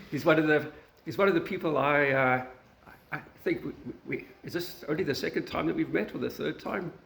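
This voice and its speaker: A man from South Africa with a South African accent, giving an academic lecture in a university meeting room, halting often with fillers and restarts. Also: on the high side, gravelly, fairly bright tone. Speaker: guest lecturer. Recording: echoey lecture room recording.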